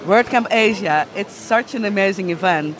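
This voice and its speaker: A woman's voice: medium pitch, normal speed. A woman raised in the Netherlands, an executive speaking enthusiastically. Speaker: company executive. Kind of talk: vox pop interview.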